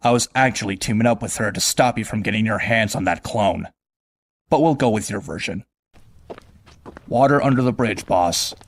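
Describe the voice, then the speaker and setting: In a comic-book cartoon, a man with a fairly low voice plays a brooding young vigilante antihero, delivering dry, sardonic lines and inner monologue at a normal pace. Music plays behind him throughout.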